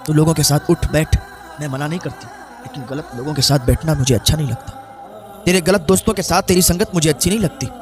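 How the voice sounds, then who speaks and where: A frail, worried old mother speaks gently and pleads softly, as a preacher puts her on. His voice stays fairly high, with faint music behind. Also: fast, natural voice. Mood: gentle.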